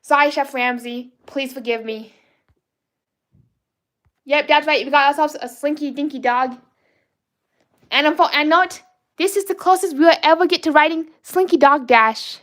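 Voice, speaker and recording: High, childlike woman chatting on a livestream. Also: moderate pace, long pauses, a bit bright. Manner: childlike, playful, chatty with frequent restarts. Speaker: livestream artist host. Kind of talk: casual livestream chat while drawing.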